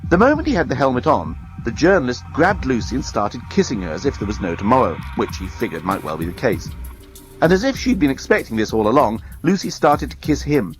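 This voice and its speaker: A man reading a science fiction story aloud as a storyteller, expressive and dramatic. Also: medium pitch, a little fast, soft background music. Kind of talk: read-aloud story narration.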